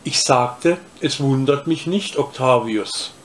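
A haughty little porcelain cat from a storybook speaks down to the boy who owns her, voiced by a man reading aloud. Her delivery is slow and unhurried, with a plain middle pitch lifted now and then. The tone stays prim and superior. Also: a little hiss or hum, natural voice.

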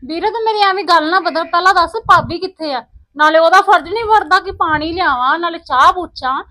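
A proud married sister with a very high, bright voice complains haughtily about how she is treated, as a woman plays her. This is family skit acting, quick to take offense. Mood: indignant.

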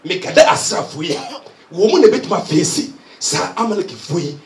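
A middle-aged man, preaching a sermon in Twi and English on a handheld mic, energetic and often shouting. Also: sits high, quick pace. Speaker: head pastor. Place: church hall with carpeted floor. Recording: echoey hall recorded from a distance.

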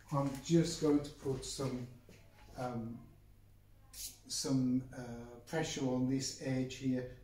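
Speaking in a mellow, medium-pitched voice over slight background noise, a middle-aged English woodworking host rambles chattily through a casual workshop demo. He cuts himself off, addresses the viewer directly, and records on a phone camera placed on the bench and shifted about.

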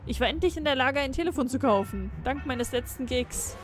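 A woman's voice: sits high, animated, a little fast, faint music behind. A woman voicing a tired, guilt-ridden young man in a game, reading in her own voice. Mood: weary.

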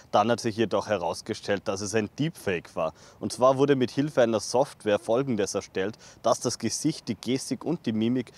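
A man's voice: medium pitch, darkish tone. A young man giving an on-location TV news report outdoors into a handheld microphone. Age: young adult. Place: outdoors in a city park.

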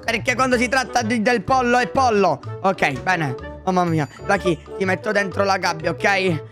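Excitable, bright-voiced man. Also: sits high, normal speed, faint music behind. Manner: excitable, exclaiming and flustered. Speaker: role-play player as a father. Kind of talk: Minecraft role-play.

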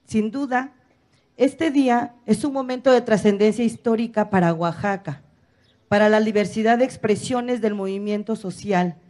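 Speaking into a podium microphone on a stand, a middle-aged Mexican woman delivers a formal speech from notes as an activist at a public apology event. Her voice is medium in pitch with a darkish tone, and her solemn points come in rhythmic lists of short phrases. The setting is a large, bright hall, and the camera films her from afar.

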